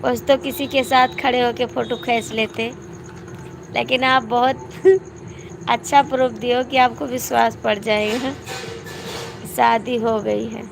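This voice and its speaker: A woman's voice: a little high, little pitch movement, a little slow, gravelly, over music. A woman with a cough and cold, chatting casually and teasing viewers on a live stream, laughing often, with an Awadhi accent.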